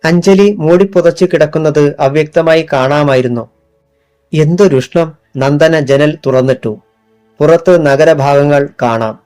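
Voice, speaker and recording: A man narrating a novel in a steady, even storytelling voice. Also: on the high side, a little slow, clean tone, faint music behind. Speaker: audiobook narrator.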